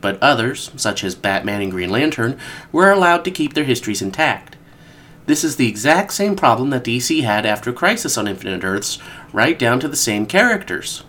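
A man from the American Midwest hosting a casual podcast, stuffed up from a cold, rambling and correcting himself as he goes. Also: on the high side. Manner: rambling, animated, self-correcting. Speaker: podcast host.

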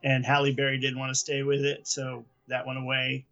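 A man's voice: medium pitch, monotone, fairly quick, a bit bright, muffled recording. A man co-hosting a podcast, chatting casually about comics in a rambling, enthusiastic way. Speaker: podcast co-host.

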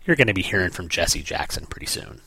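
Wry low-voiced man reviewing comics. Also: very animated, fast, sharp tone, husky, no room sound. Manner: wry, sarcastic asides. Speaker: podcast host reviewing comics. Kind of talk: casual comic review commentary.

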